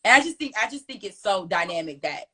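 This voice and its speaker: Animated husky woman telling family stories. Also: medium pitch, fast. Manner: animated storytelling, laughs often. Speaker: host. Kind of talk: casual family chat.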